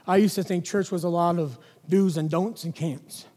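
A male preacher giving an evening sermon in a church, emphatic, stretching single words slowly and dropping to a near-whisper. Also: high-pitched, fairly even intonation, dark tone, long reverb tail.

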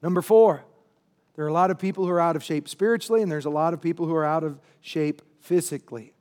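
A man's voice: a little high, fairly even intonation, quick pace, a little mellow. A man in his late thirties preaching a sermon in a church, emphatic and conversational, with asides to the congregation. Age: 30s. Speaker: pastor. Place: church sanctuary.

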